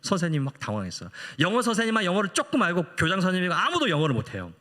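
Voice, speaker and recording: Middle-aged male missionary preacher, slightly high and very expressive, storytelling sermon in a reverberant sanctuary. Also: rapid-fire. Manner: animated storytelling, acting out quoted voices. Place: church sanctuary. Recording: long church hall reverb.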